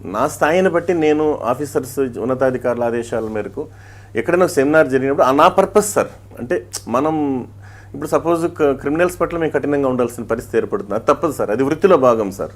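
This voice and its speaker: A man's voice: medium pitch, fast talker. A middle-aged man with an Andhra Pradesh Telugu accent, a police head constable and mimicry artist, telling stories as an interview guest and weaving proverbs and rhymes into his answers. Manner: storytelling with proverbs and rhymes, animated shifts in voice.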